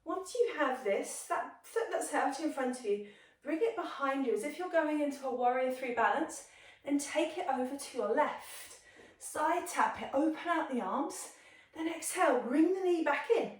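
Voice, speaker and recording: A woman's voice: high-pitched, lively intonation, normal speed, recorded from a distance. A woman leading a yoga class, giving encouraging, chatty instructions while demonstrating the moves herself. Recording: very echoey room, voice from off-mic.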